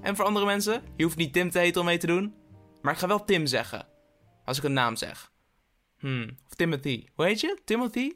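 Over soft background music, a man with a high-pitched, expressive, slightly bright voice hosts a comedic solo podcast a little fast. He sounds tired as he rambles into the mic, stammering, cutting himself off, and swearing often.

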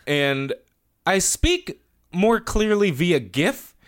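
Animated high-voiced male podcast host. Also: drawn-out words, clean tone. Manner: animated, laughs often. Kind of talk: casual chat.

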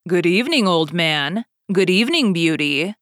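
A woman voicing a gruff, commanding male beast in a storybook reading, speaking loudly and formally. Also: lowish voice, big pitch swings, normal speed, no room sound, studio quality. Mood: stern, commanding. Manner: loud, formal and stately. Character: gruff commanding male beast, stern but not angry.

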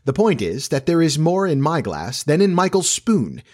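Man acting a blustering, petulant father, swooping pitch. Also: sing-song, moderate pace. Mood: indignant. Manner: pompous, indignant, self-pitying. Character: blustering, petulant middle-aged English father, proud and childish.

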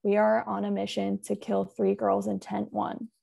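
Gravelly-voiced woman telling a crime story. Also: medium pitch, completely flat delivery, normal speed, dark tone. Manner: chatty, full of "like" and "um", laughs often. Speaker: podcast co-host telling a true-crime case. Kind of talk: casual true-crime podcast chat.

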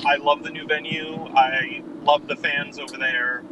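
A man's voice: a little high, fairly even intonation, unhurried, muffled recording. A man calling into a podcast from inside a car, his voice boxed in as if in a tiny box, chatting in an upbeat way. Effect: boxy sound, as if inside a tiny box. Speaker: guest vendor. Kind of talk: casual podcast chat. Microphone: remote call from a car. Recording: distant, noisy boxed-in car call.

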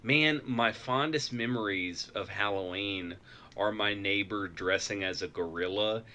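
A man's voice: fairly low pitch, unhurried, bright, forceful tone, slight background noise. A man co-hosting a podcast in casual chat, making dry asides between laughs. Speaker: podcast co-host.

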